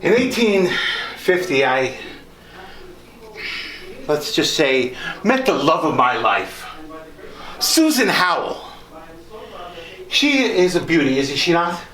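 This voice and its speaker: A man's voice: a little high, sing-song, slow, pauses often, bright, forceful tone, full character voice. A man playing a genteel nineteenth-century country doctor, telling his life story in a theatrical, folksy monologue to a live group. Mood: genial, proud. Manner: theatrical, folksy, addressing listeners directly. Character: genteel 19th-century country doctor, proud, reminiscing, later grieving. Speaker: costumed tour performer. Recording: echoey room, live performance.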